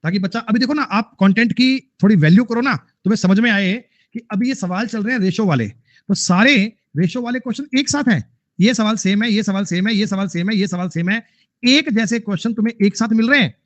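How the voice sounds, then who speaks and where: A man's voice: high voice, a little fast. A man teaching an online math class, repeating points and scolding students in a teasing way. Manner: scolding, repetitive, addresses students as beta.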